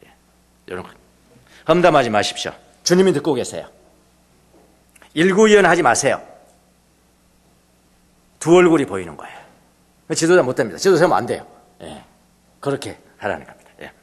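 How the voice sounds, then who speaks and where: A male pastor preaching a sermon, telling stories with lively swings between animated emphasis and quiet asides, laughing now and then. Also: medium pitch, moderate pace, pauses often. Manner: laughs often while preaching.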